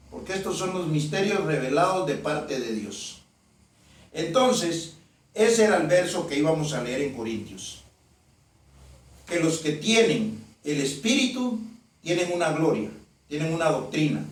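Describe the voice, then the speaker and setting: A male preacher giving an emphatic sermon, reading scripture slowly and repeating his points. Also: a little high. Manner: emphatic, repeats phrases, reads verses slowly. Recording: very echoey, from far off the mic.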